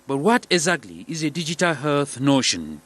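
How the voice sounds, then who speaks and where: A man's voice: fairly high pitch, big pitch swings, normal speed, fairly bright tone. A man with a Cameroonian accent narrating a scripted news report as a correspondent.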